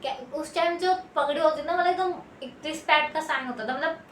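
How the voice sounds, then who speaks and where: A woman's voice: high voice, fast, a bit bright. A woman tutor casually retelling a textbook story, rambling with many fillers and restarts. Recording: echoey room, distant mic, faint noise.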